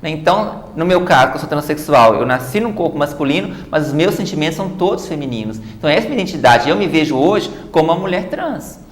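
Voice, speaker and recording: A woman's voice: low voice, animated, fast, few pauses, roomy sound. A woman guest in a TV studio interview, explaining at length and often adding "né" tags. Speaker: guest author and activist.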